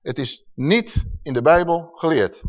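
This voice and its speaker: A man's voice: fairly high pitch, animated, a little slow. A male preacher giving an emphatic sermon and asking the congregation questions. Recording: dull lo-fi recording.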